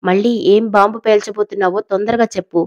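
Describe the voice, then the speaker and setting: A woman's voice: medium pitch, steady tone, fast, darkish tone, no room sound, natural voice. A woman voicing a proud, powerful matriarch who talks back angrily and arrogantly in an audio story, recorded with a dry, dull sound. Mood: tense. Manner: arrogant, angry, pleading. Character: proud powerful older woman, cornered and angry.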